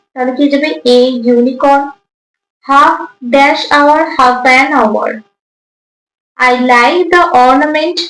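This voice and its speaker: Woman teacher, exam walkthrough, slow careful delivery, spells words out, roomy echo. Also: high-pitched. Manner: spells answers out letter by letter; reads English prompts slowly, then explains in Bengali. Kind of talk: exam answer walkthrough lesson. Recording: echoey room.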